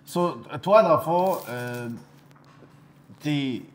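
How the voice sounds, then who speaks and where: Laid-back host with a Quebec French accent. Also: male voice, a little high, extremely slow, crowd noise. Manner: conversational, mixes in English slang. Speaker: talk show host. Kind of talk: casual interview talk.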